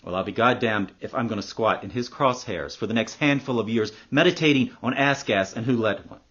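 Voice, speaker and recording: A man's voice: mid-range voice, a little fast, highs cut off, close to an everyday voice. An actor playing an embittered, vindictive middle-aged man in a sardonic, profane monologue. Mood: ranting, bitter. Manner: sardonic and profane, hushed storytelling turning to loud ranting. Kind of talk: acted dramatic monologue.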